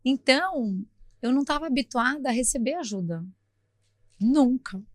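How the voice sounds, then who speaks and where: A middle-aged woman from Brazil, a podcast guest who tells her story in a lively, talkative way, acting out sounds as she goes. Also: high voice, normal speed, dry recording, studio quality.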